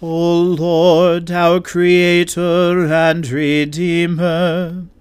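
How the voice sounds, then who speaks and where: A man chants prayers in a slow, even sung line, his voice very smooth and clear and pitched a little high. The delivery is unhurried and held close to a single tone, with faint music underneath. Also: no echo. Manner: slow, measured sung recitation. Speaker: worship leader.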